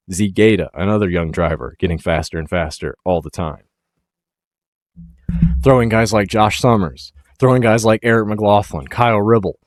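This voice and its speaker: Man, deep voice, racing show host, excited casual talk, dry close sound. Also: dry recording. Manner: excited and emphatic, trails off quietly.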